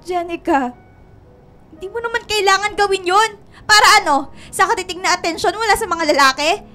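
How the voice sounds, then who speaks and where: A woman's voice: very high voice, moderate pace, pushed and bright, soft background music. An actress playing a wronged, indignant young woman in a radio drama, tearful and accusatory, with a Filipino accent.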